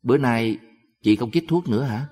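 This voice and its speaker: An eager young relative who gives injections, read by a man. The talk is earnest and hurried, very low in pitch, with long hall reverb. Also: darkish tone, close to an everyday voice.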